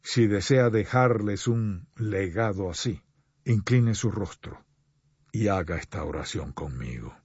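Man, radio preacher, husky voice, pleading sermon, dry dull recording. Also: on the low side, expressive, a little mellow, dry recording. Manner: earnest, pleading, slow deliberate pauses. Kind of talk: sermon addressing listeners.

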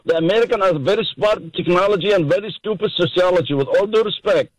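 A man's voice: high voice, fast, dry recording, rough recording. A man from Iraq, calling in to a radio show, speaking broken English with passionate emphasis and frequent repetition. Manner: impassioned, emphatic, repeats himself, broken English. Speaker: caller. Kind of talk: call-in radio talk.

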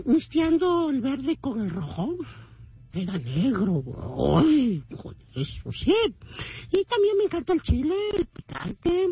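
Mexican male caller, sing-song showman, very husky, over a muffled broadcast. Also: very high-pitched, no echo. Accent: Mexican Spanish. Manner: theatrical, sing-song, boastful. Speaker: caller leaving a voice message. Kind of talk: comedic voice message. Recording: dull radio-broadcast sound.

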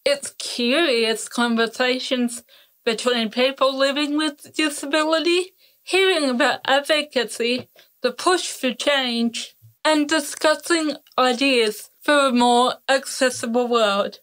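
A woman hosting a podcast interview, asking gentle, curious questions. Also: high-pitched, takes it slowly. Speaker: podcast host.

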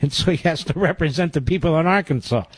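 A man's voice: a little high, fast, slightly rough, no room sound. An older man hosting a call-in talk radio show, speaking emphatically and taking callers. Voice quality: emphatic, forceful delivery.

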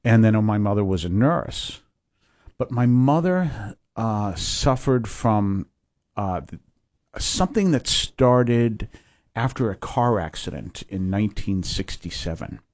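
Older male priest, low reflective voice. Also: expressive, slow pace, darkish tone, dry recording. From Massachusetts. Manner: reflective, hesitant with fillers. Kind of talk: conversational interview.

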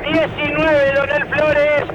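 Un hombre con acento informa desde el estadio para una radio deportiva y recita las formaciones con nombres y números de camiseta. Su voz es muy aguda y de entonación plana. Llega delgada y apagada, como por una radio de bolsillo de sonido pobre. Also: male voice, very high-pitched, a crowd in the background, background noise. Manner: steady, brisk listing of names and shirt numbers. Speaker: field reporter at the stadium. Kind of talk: sports radio reporting, reading out team lineups. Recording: muffled, lo-fi line from the stadium.

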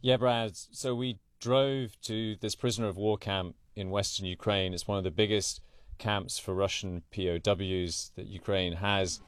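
A man reporting as a foreign correspondent, measured and explanatory. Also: on the low side, fairly even intonation, clean tone, dry recording. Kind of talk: news report.

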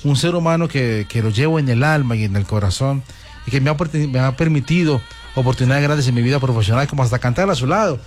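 This male host, with a mid-range, somewhat dark voice, talks fast and with lively intonation while faint music plays behind him. Greeting his talk show audience effusively and saying "gente linda" again and again, he tells them a fable.

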